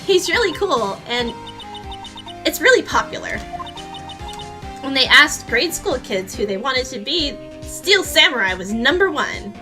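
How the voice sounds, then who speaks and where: A woman voicing an excitable seventeen-year-old girl sidekick, eager and gushing. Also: measured pace. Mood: excited. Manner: eager, gushing, high and loud. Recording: clear music behind.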